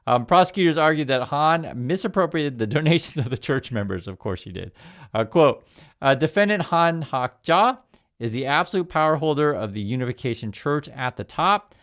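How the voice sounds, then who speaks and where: A man's voice: a little high, expressive, normal speed, fairly bright tone. A man in his fifties from Vietnam, raised in the USA, talking casually about the news, reading articles aloud and adding his own remarks with many fillers and restarts. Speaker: news commentator. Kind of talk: casual news commentary vlog.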